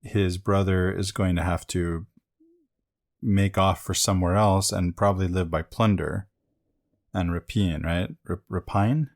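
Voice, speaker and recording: A man's voice: low-pitched, flat delivery, measured pace, long pauses. A man co-hosting a scripture discussion podcast, adding short, wry, conversational asides. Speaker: podcast co-host.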